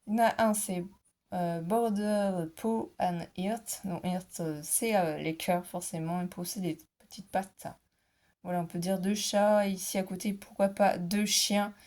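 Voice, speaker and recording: A woman's voice: mid-range voice, darkish tone. A middle-aged woman chatting casually about her craft haul, hesitant, with many fillers. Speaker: scrapbooking vlogger.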